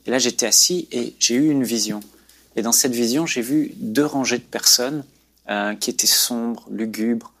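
A man's voice: medium pitch, normal speed, fairly bright tone. Earnest man sharing a faith testimony. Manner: earnest, preacherly storytelling. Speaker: guest.

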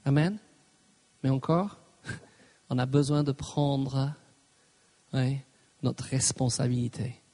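A man's voice: mid-range voice, little pitch movement, takes it slowly, pauses often, dark tone. A man preaching a sermon, emphatic, punctuating his points with "Amen" and slipping in English phrases. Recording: reverberant hall.

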